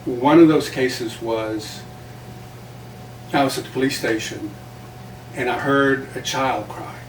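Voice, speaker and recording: Speaking at a medium pitch with fairly even intonation, an older man from South Texas, Spanish being his first language, shares stories from his work as a journalist and playwright. He's unhurried and thoughtful, with small chuckles, and the distant mic leaves a roomy sound and faint background noise.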